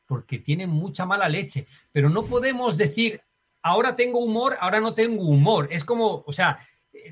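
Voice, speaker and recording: A man's voice: high voice, fairly bright tone, husky. A man with a Spanish accent talking reflectively as an interview guest, often tagging sentences with a questioning "right?". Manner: reflective, uses filler tags like "¿no?". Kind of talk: conversational interview.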